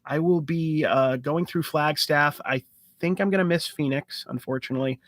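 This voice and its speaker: This man's voice is fairly high and fairly bright, moving at a normal speed with no room sound. He hosts a sports card channel and rambles through a casual live-stream Q&A with restarts and fillers, showing enthusiasm for card hunting.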